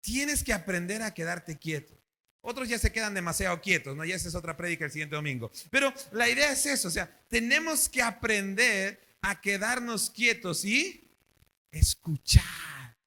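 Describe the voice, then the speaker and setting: A man's voice: sits high, moderate pace. A male pastor, preaching a sermon at a church service and asking the congregation questions. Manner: animated, asks the congregation questions.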